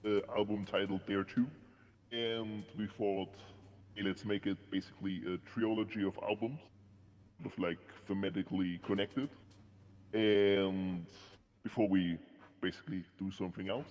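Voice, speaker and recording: Man through a voice changer, low and echoing. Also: steady tone, normal speed, a little mellow, dull audio. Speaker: guest musician. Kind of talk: casual interview on a live stream.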